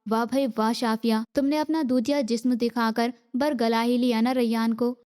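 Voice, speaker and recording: A woman's voice: a little high, steady tone, a little mellow, close to an everyday voice. A woman reading the part of a jealous, furious young pregnant wife who hurls scornful insults, in an audiobook. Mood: scornful rage.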